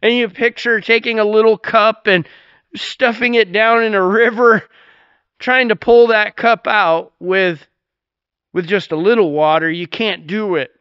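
A man's voice: sits high, steady tone, a little slow, clean tone, no room sound, lo-fi sound. A man preaching a sermon as pastor, earnest and folksy, with many fillers and repeated starts, and he rises sharply when he quotes scripture.

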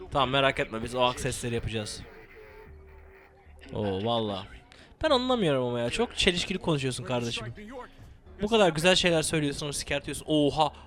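Cursing, excitable young man gaming. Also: mid-range voice. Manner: profane, excitable, joking running commentary. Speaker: gameplay commentator. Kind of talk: let's play commentary.

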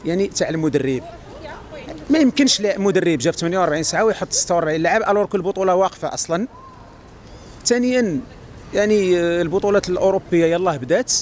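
A man's voice: high voice, a little hiss or hum. A man with a Moroccan accent arguing his view in a street interview, insistent. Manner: argumentative, fast, insistent. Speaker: fan giving street opinion. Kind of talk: street vox pop interview.

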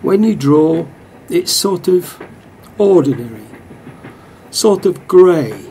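In a radio play monologue, a man voices a wistful, plain-spoken football supporter narrating his train ride home, with train noise behind him. His fairly high voice is warm, with lively intonation and a slow pace.

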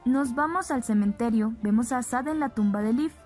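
A woman narrating a recap of a soap opera episode, reading the characters' lines flatly within her retelling. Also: on the high side, fairly quick. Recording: background music bed.

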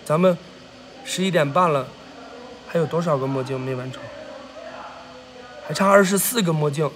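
A man from Inner Mongolia, hoarse from a cold, excitedly thanking viewers for gifts on a livestream. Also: fairly high pitch, moderate pace, soft background music. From Tongliao, Inner Mongolia. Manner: excitable, repeats exclamations, shouts thanks. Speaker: livestream host. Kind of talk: livestream gift-thanking chat.

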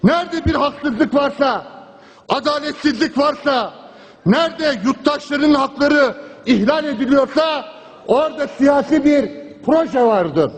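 Speaking from the rostrum microphone of a parliament chamber, a male member of parliament delivers an impassioned political speech at an extremely high pitch. He hammers home a repeated refrain and presses on through interruptions. The large chamber gives the recording a long hall reverb.

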